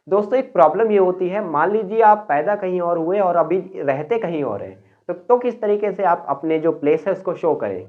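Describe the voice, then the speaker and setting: A man from Uttar Pradesh, India, giving a spoken English lesson. He explains step by step and slows down to model each phrase. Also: high voice. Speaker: English teacher. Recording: tinny phone-like sound.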